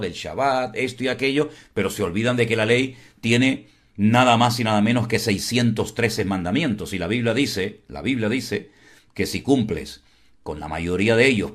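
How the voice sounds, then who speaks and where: A man, preaching as a pastor in a blunt, emphatic way, often repeating his phrases. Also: lowish voice. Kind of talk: preaching commentary.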